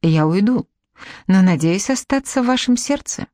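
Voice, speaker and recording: A charming young prince drawls his lines with playful irony, as a woman reads him in an audiobook. The read is close and dry, set a touch lower than most women's voices. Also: animated, normal speed, a little mellow, no echo, close to an everyday voice. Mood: mock-solemn. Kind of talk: audiobook character reading.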